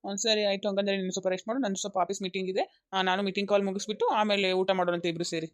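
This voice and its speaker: A woman's voice: medium pitch, little pitch movement, racing, no room sound, studio quality, natural voice. A woman voicing a young husband caught between his wife and his mother, insistent and coaxing, repeating himself. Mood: soothing.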